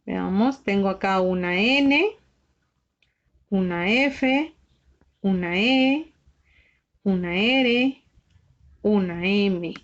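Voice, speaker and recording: A woman teaching a shorthand lesson, patiently spelling out letters one by one. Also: on the high side. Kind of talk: slow step-by-step lesson. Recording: slightly dull lo-fi recording.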